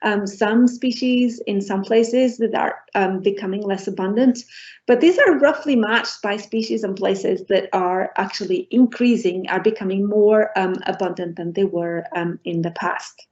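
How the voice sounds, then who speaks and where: A middle-aged woman from Portugal giving an academic lecture as a professor, pausing often on ums and restarting her phrases. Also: medium pitch, a little mellow. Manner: hesitant, many ums and restarts. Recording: dull lo-fi recording.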